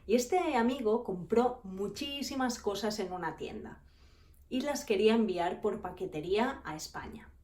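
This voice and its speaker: A woman tells her everyday anecdotes straight to the camera. Her voice sits at a middling pitch, and she talks in a lively, expressive way. She likes to act out the people in her stories. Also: moderate pace. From Spain. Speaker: vlogger. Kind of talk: storytelling anecdotes.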